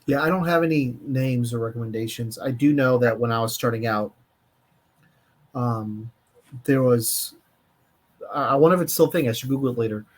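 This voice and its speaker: A man's voice: mid-range voice, normal speed, long pauses. Tired rambling male co-host. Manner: rambling, self-correcting, lots of fillers. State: tired, yawning. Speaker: podcast co-host, data engineer. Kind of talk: casual live-stream chat.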